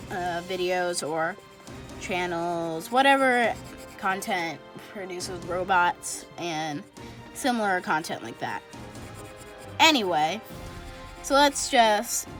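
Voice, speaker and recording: A woman talks her way through a casual drawing tutorial, rambling and correcting herself as she colors. Her pitch jumps around in lively swings. Faint music plays softly behind her. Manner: self-correcting, thinks out loud. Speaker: drawing channel host.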